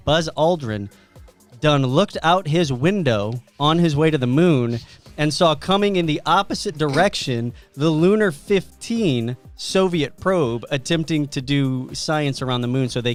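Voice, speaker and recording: A man co-hosting a casual podcast, telling facts as animated stories. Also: on the high side, normal speed, soft background music. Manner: animated storyteller, reads out facts. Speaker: podcast co-host.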